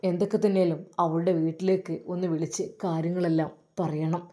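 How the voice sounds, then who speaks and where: Woman doing a pushy boss guy, low and coaxing, insists on getting his way. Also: level tone, a little fast, mellow, natural voice. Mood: insistent. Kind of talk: storytelling voice acting.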